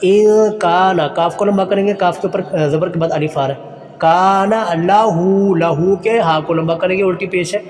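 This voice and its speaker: A man with a Pakistani Urdu accent teaching Quranic pronunciation, slowly drawing out each word and then explaining the rules in plain, polite terms. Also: high-pitched, fairly even intonation, a little mellow, in a large hall, faint music behind. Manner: uses polite filler "ji" often. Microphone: phone voice recording for a messaging class.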